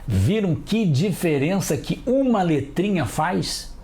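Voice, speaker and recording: Slow, lively teacher. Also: mid-range voice. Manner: slow, careful, spells out sounds. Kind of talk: children's TV lesson.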